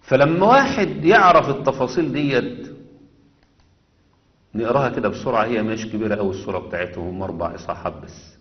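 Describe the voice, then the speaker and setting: A man with an Egyptian Arabic accent gives a religious lesson, speaking fast in a medium-pitched, animated voice with frequent pauses. He stresses his points emphatically and asks rhetorical questions, in a dull, echoey hall recording.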